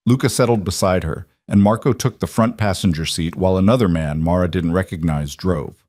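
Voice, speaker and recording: A male narrator reading fiction aloud in a steady, measured manner, his voice sitting low. The recording is dry and close, with no room sound behind him. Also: no room sound. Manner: even, measured storytelling. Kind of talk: scripted audiobook narration.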